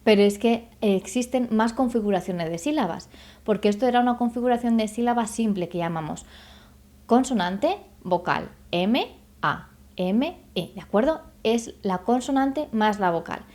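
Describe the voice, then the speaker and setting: A woman speech therapist giving an online lesson, explaining patiently, sounding out syllables slowly and checking in with the viewer. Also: a little high, a little mellow. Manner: addresses the viewer directly with checking questions. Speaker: speech therapist teaching a course.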